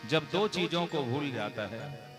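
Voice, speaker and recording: Male katha preacher with a Chhattisgarhi Hindi accent; emphatic, questioning sermon delivery at a live gathering; slightly high voice over devotional music. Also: lively intonation, unhurried. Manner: rhetorical questions to the audience, earnest and emphatic. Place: live religious gathering in a village.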